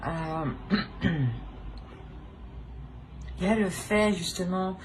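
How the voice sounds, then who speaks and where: Very slowly and at a low pitch, with fairly even intonation, a woman reads tarot for her viewers with no script. A faint hiss or hum sits behind her hesitant, searching speech as she repeats and rewords phrases.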